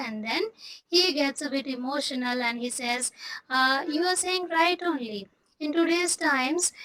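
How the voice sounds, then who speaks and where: A woman teacher explaining a Hindi play in to students, talking in a halting way with many fillers and restarts. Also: high voice, sharp tone, rough recording.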